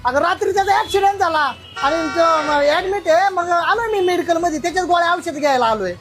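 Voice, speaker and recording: Brief: woman as rustic drunk husband, high voice, comic skit, music bed. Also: fast. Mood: evasive. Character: drunken husband, boastful then remorseful. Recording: loud background music.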